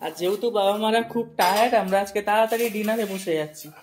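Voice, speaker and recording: Fast-talking young man vlogging. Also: sits high, background noise. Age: 20s. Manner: chatty, addresses viewers directly. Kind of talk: casual family vlog narration. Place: family home, indoors.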